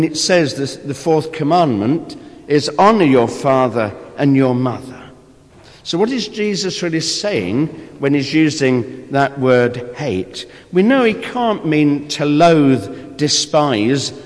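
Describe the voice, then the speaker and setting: Male priest doing a gospel reading and homily, slow and solemn, bit high voice, big cathedral echo. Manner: measured, deliberate, solemn public delivery. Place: large reverberant church. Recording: long cathedral echo, reverberant church.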